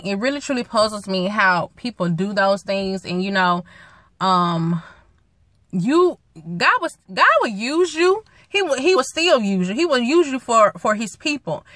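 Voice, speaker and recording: A young woman, a ministry vlogger, preaches earnestly into a phone held at arm's length from a parked car, repeating phrases for emphasis and quoting scripture. Her voice is on the high side, bright and forceful, with no echo.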